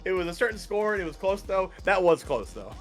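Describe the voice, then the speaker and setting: A man commentating a fighting game tournament, rambling with fillers and yelling at big plays. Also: high-pitched, sing-song, a little fast, soft background music. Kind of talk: esports commentary.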